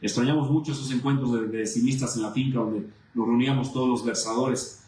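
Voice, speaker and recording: A man's voice: medium pitch, fairly even intonation, fast, a little mellow. A man talks through his memories, looping back on words as he hunts for them. He sits in a roomy, echoing space with a faint background hiss. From Veracruz, Mexico. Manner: reminiscent, repeats words while searching for them. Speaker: poet and guest. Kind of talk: conversational interview, poetry recital.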